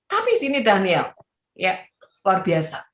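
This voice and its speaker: A woman evangelist preaching a sermon in a lively, animated way, often mocking the people she quotes with playful asides. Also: mid-range voice, measured pace. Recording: echoey room.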